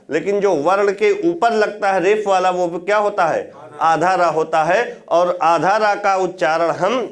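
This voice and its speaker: A man with a fairly high voice teaches a grammar class. He poses questions to his students and answers them himself. He drags out example words to show how they sound. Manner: demonstrates sounds by repeating words slowly. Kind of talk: classroom lecture on Hindi grammar.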